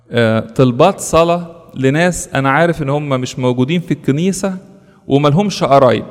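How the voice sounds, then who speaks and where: A man's voice: medium pitch, big-room sound. A man with an Egyptian Arabic accent, a priest giving an earnest sermon that is full of rhetorical questions and lists.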